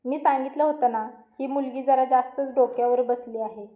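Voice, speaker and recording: An arrogant, rude young man from a storybook who sneers, as a woman narrator reads him. The voice is fairly high and soft. It echoes in the room. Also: fairly even intonation, moderate pace, lightly acted. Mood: insolent. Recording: roomy echo.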